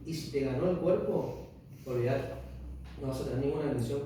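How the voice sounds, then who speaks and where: Rioplatense guy preaching earnestly, warm mellow voice, far off in a big echoey room. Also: mid-range voice. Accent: Rioplatense Spanish. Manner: earnest, reads scripture slowly and emphatically. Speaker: lay preacher giving testimony. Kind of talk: informal sermon testimony. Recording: echoey room, distant from mic, faint background noise.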